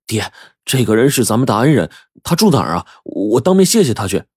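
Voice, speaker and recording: A man's voice: medium pitch, very animated, brisk, a little mellow, breathy edge, no echo, studio quality. A man doing an earnest young student son. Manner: earnest, polite.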